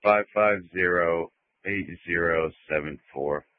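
Very deep-voiced officer on police radio. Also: male voice, slow, no room sound. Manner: terse, brief acknowledgments. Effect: police radio transmission. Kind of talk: radio call-in talk. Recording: dry, tinny police radio.

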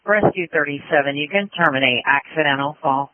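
A man's voice: fairly high pitch, fairly quick, dry recording. Male dispatcher over tinny police radio. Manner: clipped, matter-of-fact. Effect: two-way emergency radio. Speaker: emergency dispatcher. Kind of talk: terse radio dispatch calls. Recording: tinny, dry radio transmission.

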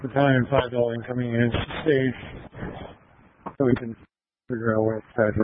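A man's voice: mid-range voice, flat delivery, normal speed. A man, a fire officer, giving clipped, code-heavy dispatch replies over a walkie talkie radio. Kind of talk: terse radio dispatch traffic. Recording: tinny scratchy radio scanner audio.

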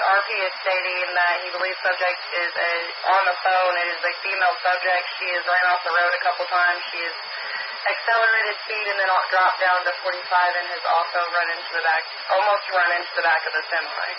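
A man plays a police dispatcher calling units over a two-way radio. His voice sits high and keeps an even, flat line as he gives clipped procedural codes. The transmission sounds dull and lo-fi under a heavy wash of static. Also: a little fast. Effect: heard over a two-way radio.

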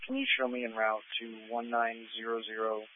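Over a police radio, a man talks in a quick, level monotone, rattling off codes and addresses in clipped, terse bursts. His fairly low voice comes through a tinny, narrow radio line with a faint hiss of static behind it. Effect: police radio transmission. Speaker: radio dispatcher. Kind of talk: radio dispatch traffic.

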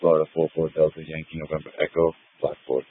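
Deep husky man over police radio. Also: monotone, quick pace, no echo. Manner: clipped radio codes. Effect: police radio transmission. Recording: tinny dry radio channel.

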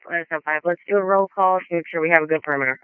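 A woman's voice: on the low side, rapid-fire, clear, resonant tone, no echo. A woman working as a police dispatcher over a walkie-talkie, calling a roll call in terse radio codes. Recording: tinny two-way radio.

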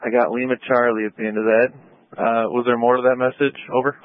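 A man running radio checks as net control over a two-way radio, calling each station in steady, formal radio procedure. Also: medium pitch, fast talker, no room sound. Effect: heard over a two-way radio. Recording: narrow dry radio transmission.

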